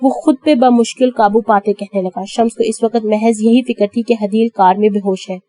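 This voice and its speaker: A woman narrating an Urdu audio novel dramatically, voicing characters' cries and shouts. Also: a little high, fairly even intonation, no echo.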